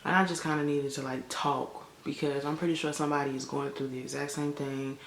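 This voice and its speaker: A woman's voice: low voice, little pitch movement, brisk, a little hiss or hum. A woman in her twenties from Chicago, talking candidly to the camera in a casual vlog, full of "like" and "um". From Chicago, United States. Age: 20s. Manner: chatty, candid, lots of "like" and "um". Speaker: vlogger and college lecturer. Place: room on a family vacation. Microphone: camera in front of her. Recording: echoey room.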